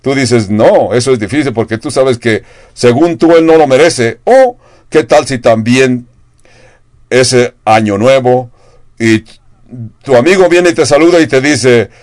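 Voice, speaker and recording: A man's voice: mid-range voice, unhurried, pauses often, a little mellow, dry recording, studio quality. An older man preaching a sermon in Spanish, asking his congregation rhetorical questions. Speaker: pastor.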